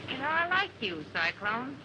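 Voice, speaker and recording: An actress playing a flirty, sharp-tongued dame in 1930s Hollywood film style. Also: female voice, sits high, very animated, moderate pace. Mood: flirtatious. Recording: noisy old film soundtrack.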